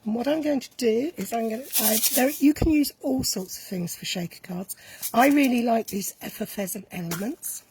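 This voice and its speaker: A woman, a bit croaky today, chatting her way through a hands-on craft demonstration and correcting herself as she works. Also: fairly high pitch, moderate pace, background noise. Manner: chatty, self-correcting, talks while working with hands. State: slightly croaky voice. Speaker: craft tutorial host. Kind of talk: casual step-by-step craft demonstration.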